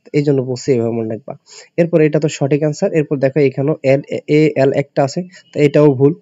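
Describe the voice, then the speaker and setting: A man's voice: on the high side, fairly even intonation, fairly quick, warm tone, no room sound. A male teacher from Bangladesh giving an English spelling lesson. He explains step by step, spells out letters and keeps asking his students questions. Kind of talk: classroom-style lesson for admission students. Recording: dull, dry lo-fi recording.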